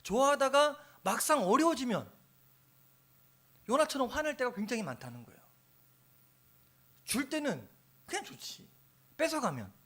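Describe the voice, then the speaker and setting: Animated high-voiced male pastor preaching. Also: normal speed, long pauses. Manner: animated, acting out quoted prayers, dropping to a near whisper. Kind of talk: sermon. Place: church sanctuary.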